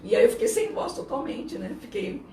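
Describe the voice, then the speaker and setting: A middle-aged Brazilian woman with a slightly high, gravelly voice that stays rough after vocal cord damage. She tells her story in an animated way, laughing often and dotting it with tag questions. She sounds roomy and set back from the mic, over a faint hiss. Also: fairly quick, distant mic. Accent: Brazilian Portuguese. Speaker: pastor, interview guest. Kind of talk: casual testimony in conversation.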